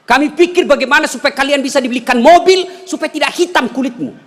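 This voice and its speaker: A man's voice: very high voice, quick pace. Man, preacher, teasing and emphatic, roomy hall echo. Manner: teasing, emphatic, rousing the audience with shouted calls. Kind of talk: humorous sermon to a crowd. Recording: echoey hall.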